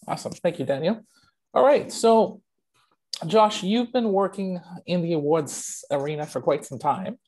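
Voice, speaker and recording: A host on a video call, hoarse and slightly rough from a throat infection. The delivery is chatty and loose, full of ums and uhs. The pitch sits in the middle range. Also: darkish tone, poor audio. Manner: informal, filler-heavy, chatty. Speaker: webinar host. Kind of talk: hosting a live online webinar.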